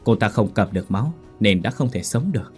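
A man voicing a greedy older village healer who speaks gruffly. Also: on the low side, expressive, a little fast, darkish tone, faint music behind, close to an everyday voice.

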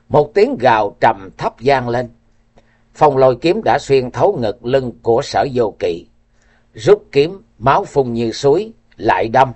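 A man's voice: mid-range voice, darkish tone. A man reading a martial arts novel aloud with dramatic storytelling. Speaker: narrator.

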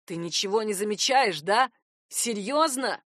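A woman voicing a desperate, obsessive young man who hisses and growls his lines, hoarse and threatening. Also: medium pitch, expressive, unhurried, fairly bright tone, no room sound, clean studio sound. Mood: obsessive, menacing. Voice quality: hoarse, hissing. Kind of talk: audiobook character voice.

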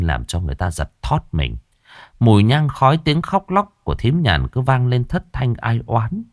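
A man narrating a ghost story in a dramatic, animated way. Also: lowish voice, dry recording, clean studio sound.

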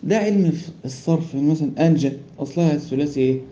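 A man's voice: a little high, rapid-fire, warm tone, a little hiss or hum. Man teaching recitation rules, Egyptian accent. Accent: Egyptian Arabic. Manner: explains, quizzes students, chants verse quotes. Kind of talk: classroom lesson on recitation rules. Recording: dull lo-fi recording.

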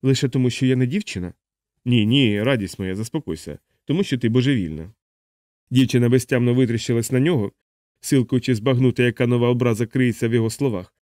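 A man narrating an audiobook novel in a steady, even storytelling manner. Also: medium pitch, dry recording, studio quality.

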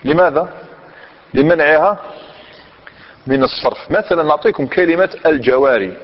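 Male grammar teacher, fairly high voice, quizzes his students, lo-fi recording with long echo. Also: normal speed, slight background noise. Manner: questions the class and repeats answers. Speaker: Islamic scholar teaching Arabic grammar. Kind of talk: classroom grammar lesson. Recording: dull lo-fi recording in a reverberant hall.

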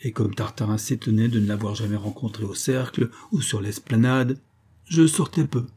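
A man narrating a classic novel aloud in a measured, expressive audiobook reading. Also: lowish voice, husky. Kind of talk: scripted narration.

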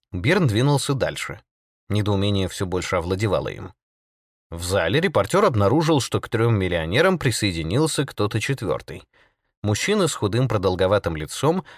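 A man narrating an audiobook with an expressive, dramatic reading. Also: lowish voice, no room sound, studio quality.

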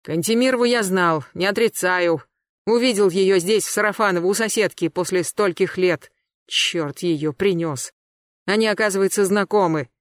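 A reader voicing an agitated male suspect who shouts and protests his innocence under interrogation. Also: mid-range voice, moderate pace, no echo, clean studio sound, close to an everyday voice. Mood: defensive. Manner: shouting, indignant, defensive. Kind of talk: audiobook character voice.

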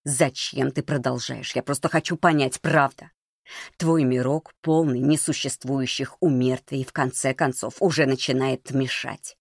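A cold, mocking young man who talks low and deliberate, with menace under the calm, as a male narrator gives him voice. The sound is close and dry, with no room around it. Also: vocal fry, no echo.

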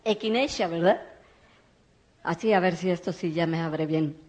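A woman giving a lively motivational testimony, acting out the voices of the people she quotes. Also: lowish voice, moderate pace. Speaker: network marketing speaker.

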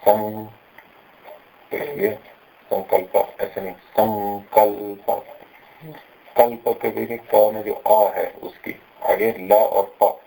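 A man teaching pronunciation, explaining patiently and slowing down to stress syllables when he demonstrates. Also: lowish voice, gravelly, dark tone, low-quality recording. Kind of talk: explanatory lesson with recited examples.

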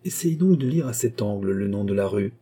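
A man voicing a lively noblewoman of about thirty who gives brisk, commanding orders. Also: fairly low pitch, husky. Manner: brisk, imperious questions.

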